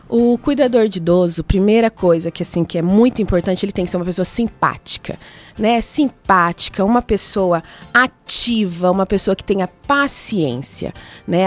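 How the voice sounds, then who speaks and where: A woman with a Brazilian Portuguese accent speaks at an ordinary middle pitch in a radio studio. She explains her work as a nurse step by step, ticking off qualities one after another. Her tone stays informative and conversational. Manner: explanatory, lists points with frequent tag questions. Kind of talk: radio interview answers.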